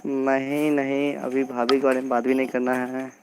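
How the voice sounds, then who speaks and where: A man's voice: mid-range voice, completely flat delivery, moderate pace, a little hiss or hum, poor audio. A man hosting a live stream, chatting casually with viewers and teasing them by name. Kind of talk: casual live chat reading comments. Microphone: earphone mic.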